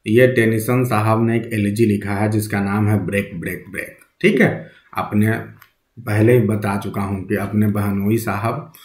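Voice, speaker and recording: A man's voice: lowish voice, fairly even intonation, a little slow, darkish tone, echoey room. A man teaching an online English poetry class, quizzing his students and mixing English terms into Hindi.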